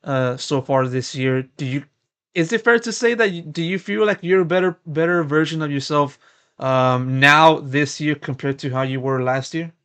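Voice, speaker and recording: A young man with a slightly high, somewhat bright, smooth voice interviews a player at a normal pace. As an esports interviewer, he rambles through long, meandering questions, repeating words and saying "you know" constantly.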